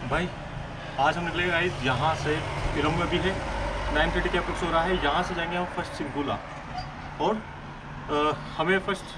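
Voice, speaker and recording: A man's voice: on the high side, fairly even intonation, normal speed, long pauses. A man on a motorcycle road trip, explaining the route to the camera and sounding keen about the ride ahead. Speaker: riding companion explaining the route. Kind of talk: casual vlog chat. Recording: distant outdoor mic with loud noise.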